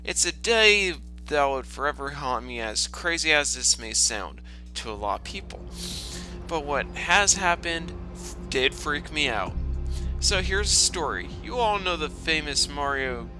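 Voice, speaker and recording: An expressive, unhurried man with a fairly high pitch talks over music. The storytime reading series host gives a sarcastic, foul-mouthed dramatic reading with exasperated remarks, and a lingering cough affects his throat.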